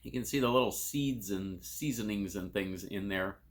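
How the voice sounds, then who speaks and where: A man's voice: lowish voice, normal speed. A man giving a casual food review to camera as host, tasting and crunching chips between remarks.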